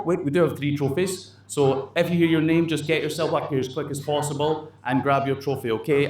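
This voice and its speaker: A man leading a company staff meeting, blunt and motivational, swearing casually as he talks. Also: fairly high pitch. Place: office meeting room, indoors. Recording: roomy echo with faint background noise.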